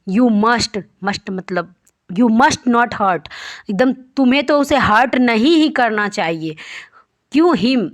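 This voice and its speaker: Slow-reading woman explaining a story. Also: fairly high pitch. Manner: reads English lines slowly, then explains in quick Hindi. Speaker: English teacher.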